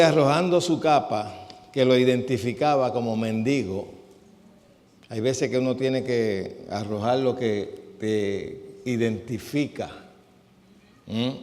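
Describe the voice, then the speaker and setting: A man teaching a sermon, lively and quizzing his congregation. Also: medium pitch. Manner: lively, quizzes the congregation, acts out quoted voices. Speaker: preacher teaching a healing class. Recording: long church-hall reverb.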